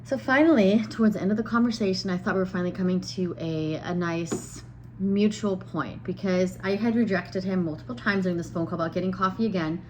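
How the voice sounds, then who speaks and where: A woman's voice: on the low side, fairly quick, slight background noise, poor audio. A young woman telling a dating story to camera in a chatty, exasperated way, full of filler words. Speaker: vlogger. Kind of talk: casual storytelling.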